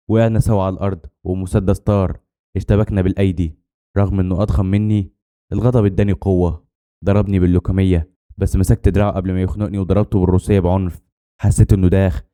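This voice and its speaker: A man's voice: low-pitched, flat delivery, racing, mellow. A man with an Egyptian Arabic accent telling a dramatic first-person story in a tense way.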